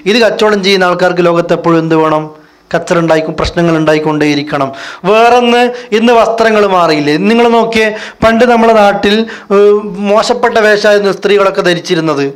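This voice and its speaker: A man giving a religious lecture as a preacher, asking rhetorical questions and answering them himself. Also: sits high. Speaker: Islamic preacher.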